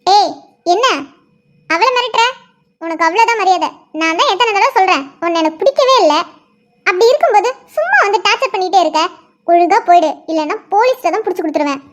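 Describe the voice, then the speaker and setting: Super squeaky cheeky young girl voiced by a woman, sassy and defiant, cartoon. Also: expressive, fast. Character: feisty young female student defending her friend.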